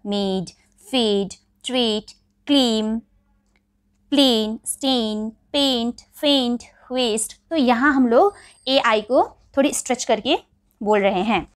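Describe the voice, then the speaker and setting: A woman with an Indian accent teaching English vowel sounds in Hindi. She spells each word letter by letter and then says it again slowly. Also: a little high, clear, resonant tone, no echo, clean studio sound.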